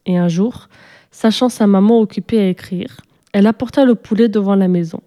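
Casting: a woman reading a children's storybook, warm and mellow, at a steady, even pace. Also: medium pitch. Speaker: narrator.

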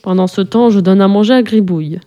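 A kindly green witch who talks gently and a little higher, friendly and soft, as a woman reads her aloud. Her voice is mellow and warm. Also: brisk, muffled recording, natural voice. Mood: gentle.

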